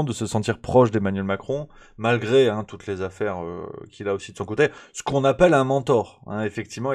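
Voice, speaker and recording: A man's voice: medium pitch, a little mellow. A man hosting a live press review on a stream, rambling and sarcastic, full of hesitations, talking straight to his chat. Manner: talks straight to the chat audience. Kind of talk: casual livestream press review.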